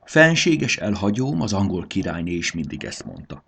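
A man's voice: deep voice, sing-song, creaky, fairly bright tone, a little hiss or hum, full character voice. Storybook figure: pompous aristocratic bracelet, languid drawl, man performs. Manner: languid, self-satisfied drawl.

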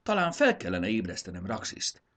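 A man voicing an anxious but daring young male hero in a storybook reading, his voice jumping up high when excited.

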